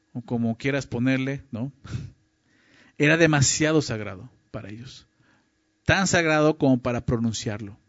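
A man's voice: mid-range voice, no room sound, dull audio. A man giving a Bible teaching as a pastor, reading verses aloud and often checking in with the listener through rhetorical questions. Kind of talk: sermon teaching.

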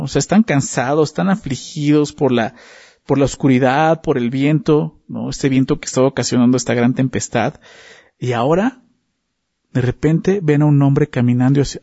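Gravelly-voiced man preaching a Bible study. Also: medium pitch, mellow, no room sound, dull audio. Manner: conversational, asks frequent rhetorical questions; repeats words and restarts often.

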